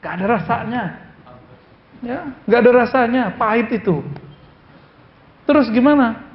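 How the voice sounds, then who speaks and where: High-voiced preacher in an echoey room. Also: male voice, animated, measured pace, vocal fry. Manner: chatty, quotes Arabic then explains it, asks rhetorical questions. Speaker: Islamic preacher. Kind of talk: casual conversational sermon. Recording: echoey room, dull lo-fi sound.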